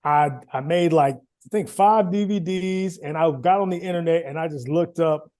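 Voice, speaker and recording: A man casually telling his story in conversation, animated and acting out the voices of people he talks about. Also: on the high side, moderate pace. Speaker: guest, former quarterback.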